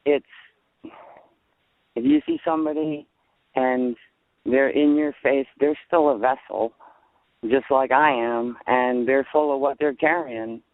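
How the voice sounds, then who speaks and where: A man's voice: medium pitch, lively intonation, a little slow, pauses often. Man, earnest and blunt, call-in radio talk, phone-line sound, no room echo. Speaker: caller. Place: outdoors in a parking lot.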